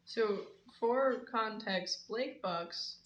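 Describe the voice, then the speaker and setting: A teenage girl chats with a friend in a casual, talkative way and drops teasing, deadpan remarks. The room is echoey, with a faint hiss of noise underneath. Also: on the high side, very slow. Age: teens. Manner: chatty, teasing, deadpan asides. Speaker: podcast co-host. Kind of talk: casual chat.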